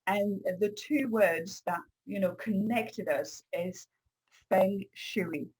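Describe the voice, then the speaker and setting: A woman's voice: mid-range voice, slow, a little mellow, breathy edge, poor audio. Bubbly French-accented woman host. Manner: bubbly, laughs often, exclamatory. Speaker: interview host. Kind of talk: casual interview.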